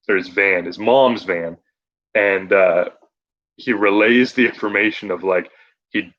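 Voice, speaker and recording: A man's voice: on the low side, fairly bright tone, highs cut off. A man in casual chat recommending movies, who laughs often and rambles with restarts.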